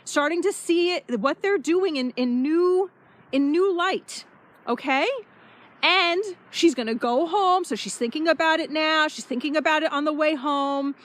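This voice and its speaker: A woman speaking as a spiritual life coach in a casual walking vlog, energetic and repetitive, swearing offhandedly. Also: sits high, a little slow. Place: outdoors, power walking.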